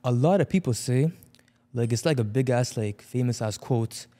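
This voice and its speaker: A young adult man with an urban Toronto accent chats casually in heavy slang, repeating himself for emphasis. His voice is mellow and medium-pitched, at a moderate pace.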